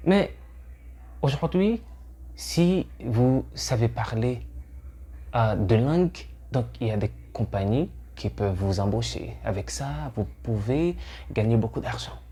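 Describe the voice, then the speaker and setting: Speaking to camera from a script, a Haitian man who grew up with Haitian Creole hosts his channel in an earnest, urging tone full of hesitations. His mid-range voice is unhurried, mellow and breathy, with lively intonation.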